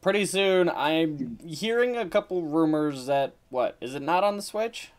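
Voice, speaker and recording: A man's voice: on the high side, animated, a little slow, crowd noise. A man co-hosting a casual gaming chat on his stream, tossing in dry, sarcastic quips. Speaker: streamer and co-host.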